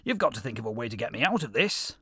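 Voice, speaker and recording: A crafty jackal with a boastful streak, as a male narrator puts him on. He speaks in a middle pitch, close to the narrator's own voice, with a lot of lift and fall. The sound is dry. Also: very animated, fast talker, pushed and bright, husky, no room sound, full character voice. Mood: pleading.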